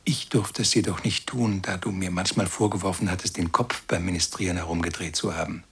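A deep, gravelly brooding narrator. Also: male voice, steady tone, exaggerated voice. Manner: slow, brooding recollection, repeatedly addressing his mother. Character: grown son recalling a pious, harsh childhood. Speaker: first-person narrator. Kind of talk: literary radio play narration.

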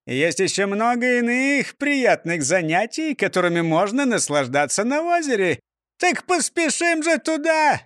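A man voicing a cheerful, excitable small-town mayor in a children's story. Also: very high-pitched, measured pace, no echo, clean studio sound, voice pushed up, heavily acted. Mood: enthusiastic. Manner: cheerful, exclaiming. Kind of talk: audiobook character voice.

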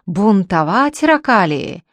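Woman voicing a nasty officer yelling, barking voice, lowish, dry audiobook sound. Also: little pitch movement, a little slow, dry recording. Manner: hissing, then shouting.

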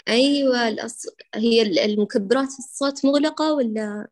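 A woman teaching Quran recitation in an online class, correcting a student and demonstrating sounds slowly. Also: a little high, darkish tone, dry recording, clean studio sound.

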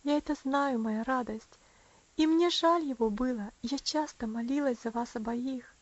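Woman voicing a tender, gentle young woman. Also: sits high, moderate pace, no echo, muffled recording. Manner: tender, soothing. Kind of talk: audiobook character voice.

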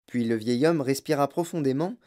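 An audiobook narrator reads a children's story aloud. The reading is lively and expressive, in a voice of middling pitch. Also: moderate pace.

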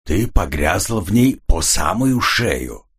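A man's voice: lowish voice, normal speed, husky. A male audiobook narrator voicing a cold, hard-edged man who keeps pressing a nervous woman. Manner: flat, pressing, coolly menacing. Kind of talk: audiobook character reading.

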